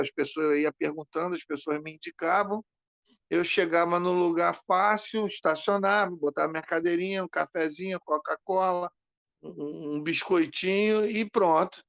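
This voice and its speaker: A man co-hosting a podcast, telling an animated story in casual chat and acting out the lines of the people in it. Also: on the high side, vocal fry, no echo. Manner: animated, acts out quoted lines. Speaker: podcast co-host.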